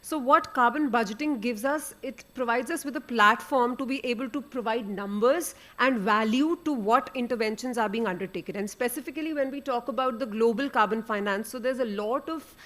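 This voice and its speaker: A woman explains a concept as a panelist. Her voice is a bit high, and she speaks fluently in an explanatory tone. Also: a little fast, few pauses, fairly bright tone.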